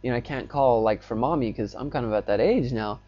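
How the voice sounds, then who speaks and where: In this casual vlog, a young man addresses his phone camera with a wandering story about himself, heavy on fillers, his agitation rising as it unfolds. The lo-fi recording carries his warm, mid-range voice at a slightly quick pace.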